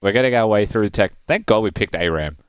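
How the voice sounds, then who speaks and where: A man with a deep, low voice, chatting in a laid-back way on a gaming stream. He explains the game to his friends casually. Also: animated, a little fast, clean tone, dry recording, clean studio sound. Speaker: stream co-host.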